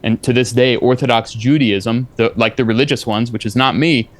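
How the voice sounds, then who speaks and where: A man's voice: mid-range voice, steady tone, normal speed. A man in a heated debate, talking insistently in a lecturing way and cutting in with repeated no's. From family from Eastern Europe. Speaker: debate guest.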